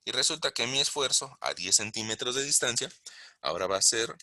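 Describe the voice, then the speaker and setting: A man's voice: mid-range voice, lively intonation, a little fast, sharp tone, no echo, studio quality. A man giving a recorded online engineering lesson, explaining step by step and asking the class questions. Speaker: engineering lecturer. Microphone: close mic while writing on a tablet.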